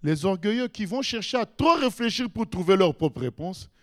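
A man's voice: high-pitched, lively intonation, moderate pace. A man preaching a sermon in an emphatic way, with sudden rises in his voice.

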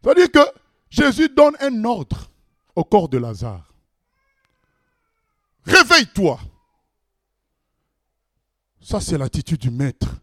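A man preaching a sermon, reading scripture aloud and commenting on it, swinging between loud exclamations and low asides. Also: wildly swooping pitch, unhurried, dry recording, clean studio sound.

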